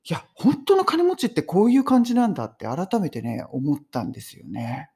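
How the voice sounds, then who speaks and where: Lively Japanese woman teaching English. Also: on the low side, a little fast, husky. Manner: chatty, animated storytelling with laughs. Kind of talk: casual English lesson.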